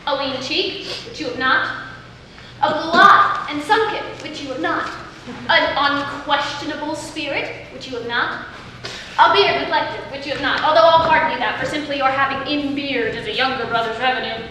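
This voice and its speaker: A woman's voice: sits high, moderate pace, pushed and bright. A woman on stage playing a witty, teasing young heroine disguised as a youth, declaiming playfully in Shakespearean style. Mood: teasing, mock scornful. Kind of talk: live Shakespeare stage acting. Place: stage performance, recorded from afar. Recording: distant, echoey stage recording with faint noise.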